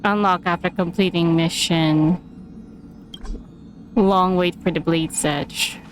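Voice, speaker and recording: A woman's voice: on the low side, fairly even intonation, slow, faint music behind, rough recording. A woman giving casual, chatty gameplay commentary, giggling and thinking aloud as she plays. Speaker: game streamer.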